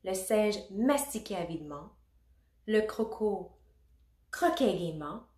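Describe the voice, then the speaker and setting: Slow, expressive woman reading a storybook. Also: mid-range voice. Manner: slow, expressive, with asides to children. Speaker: storybook reader. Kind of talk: reading a children's picture book aloud. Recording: roomy echo.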